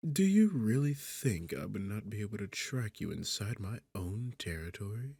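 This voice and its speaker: In a heavily acted fantasy ASMR roleplay, a male performer plays a smug, sarcastic demon king with seductive, condescending teasing. His fairly low voice is creaky, dark, and slightly rough, delivered sing-song at normal speed with no room sound, in a mocking, coaxing mood.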